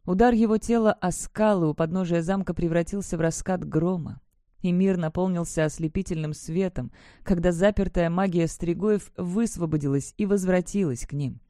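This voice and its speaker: A woman narrating a first-person fantasy audiobook in a steady, measured way. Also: on the low side, no echo, clean studio sound.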